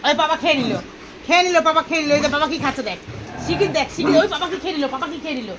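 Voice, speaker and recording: A woman's voice: high voice, very fast. A woman, coaxing and sing-song baby talk to her pet dogs at home. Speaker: pet owner. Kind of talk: casual home vlog, talking to pets. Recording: noisy home recording with dogs.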